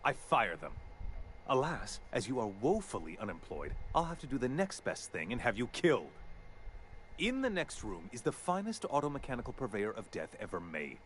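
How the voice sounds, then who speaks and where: An actor playing a pompous, contemptuous corporate executive who coldly threatens the player in a video game. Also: male voice, mid-range voice, wildly swooping pitch, moderate pace, fairly bright tone, a little hiss or hum. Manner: haughty, contemptuous, cold threats. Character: pompous corporate executive villain, middle-aged man.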